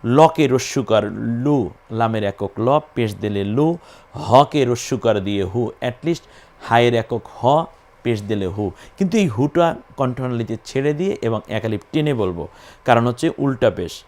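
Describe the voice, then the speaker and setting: A man's voice: medium pitch, animated, unhurried, darkish tone. A man teaching Quran recitation, patiently spelling out and repeating each letter and sound in a methodical lesson.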